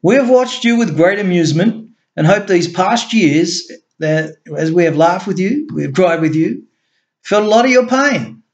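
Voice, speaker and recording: A man voicing a godlike alien envoy, relaxed yet serious and entirely sure of himself. He speaks with quiet authority, a little higher than the man's narrating voice, in a read-aloud story. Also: moderate pace, lo-fi sound. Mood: calm, lofty. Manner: relaxed but serious, certain.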